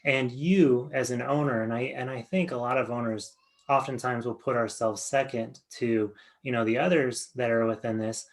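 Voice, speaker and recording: A man hosts a podcast interview over a video call. His voice has an ordinary middle pitch. He talks earnestly and rambles, leaning on frequent fillers. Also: steady tone, normal speed. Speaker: podcast host. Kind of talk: casual interview talk.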